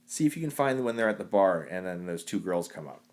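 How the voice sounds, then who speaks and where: Lively low-voiced male podcast co-host. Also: quick pace. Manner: animated, swears casually, drifts loud then quiet. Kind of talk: casual chat.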